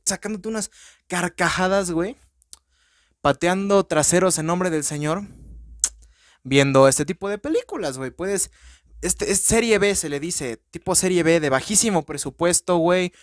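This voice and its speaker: A man with a Mexican accent hosting a podcast, rambling through a casual, profane, excitable movie-review monologue. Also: sits high, dry recording, studio quality. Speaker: podcast host.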